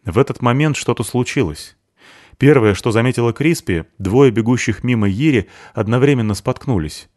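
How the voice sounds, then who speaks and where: A man reading a novel aloud as a steady audiobook narrator. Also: mid-range voice, normal speed, no echo, clean studio sound.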